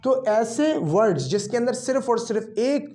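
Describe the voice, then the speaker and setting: Slow, deliberate male grammar teacher. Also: extremely high pitch, lively intonation, mellow. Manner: slow, deliberate, repeats and spells out example words. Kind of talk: classroom lesson explaining grammar rules.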